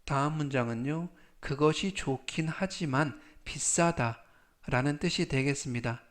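Male Korean vocab teacher, slightly high voice, very slow deliberate drilling, polite formal delivery. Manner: reads each word slowly three times, formal polite endings. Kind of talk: slow, patient vocabulary lesson.

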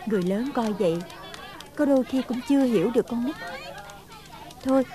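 An actress playing a kind, patient schoolteacher, gently coaxing her pupils in a film drama. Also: fairly high pitch, animated, brisk, some chatter behind, lightly acted. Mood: gentle. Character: kind young village schoolteacher, patient and caring.

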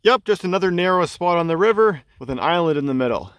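Man narrating a calm river canoe trip. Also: high voice, quick pace, no echo, clean studio sound. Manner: calm, informative, tour-guide-like. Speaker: solo canoe vlogger. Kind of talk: casual travel narration. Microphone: phone camera at arm's length.

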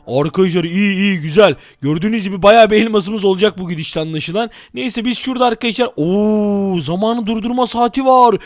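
A man giving energetic Let's Play commentary, excitable and often yelling at enemies. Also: sits high, brisk, few pauses, no room sound, studio quality. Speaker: gaming YouTuber.

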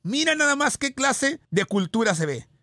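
A man's voice: very high-pitched, very animated, moderate pace. A man voicing a boastful self-proclaimed Spartan god, teasing and theatrical as he mocks a video. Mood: mocking. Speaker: radio show host character. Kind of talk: mocking video reaction commentary. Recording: noisy background hiss.

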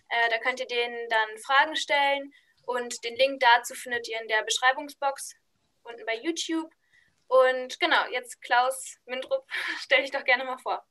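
Young woman moderating, high bright voice. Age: young adult. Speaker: host, moderator. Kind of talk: moderating an online talk. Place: room at home. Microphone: video call webcam.

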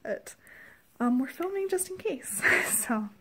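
A young woman chatting casually to a phone at arm's length, giggly and often hushed and breathless. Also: high-pitched, lively intonation, slow pace. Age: young adult. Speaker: vlogger filming a home video with partner. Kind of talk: casual chat to camera. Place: small indoor room at home. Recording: noisy phone recording with clicks.

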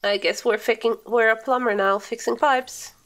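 A young adult woman livestreams a game, chatting playfully and casually with her viewers and exclaiming at what's on screen. Her voice is on the high side, steady and a bit bright, at a normal speed.

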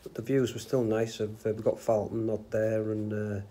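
A man's voice: on the low side, moderate pace. Middle-aged man narrating a bike trip. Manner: relaxed, many fillers. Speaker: bikepacking vlogger. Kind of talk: casual travel narration. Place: outdoors on canal towpath. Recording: faint outdoor background noise.

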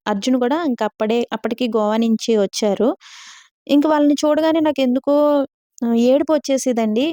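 A woman in her thirties with a Telugu accent talks in a confiding, earnest way, telling her own story for a vlog. Her voice sits a little high and sounds mellow and warm. The recording is dry and close. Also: no echo. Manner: earnest, confiding, frequent polite "andi". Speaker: vlogger.

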